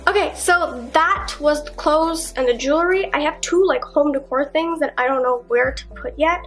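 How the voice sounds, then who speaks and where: Young woman vlogger, high-pitched, chatty and excited, casual haul talk, faint music underneath. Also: normal speed. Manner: chatty and enthusiastic, with frequent fillers and asides. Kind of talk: casual haul video chat. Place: her apartment, indoors.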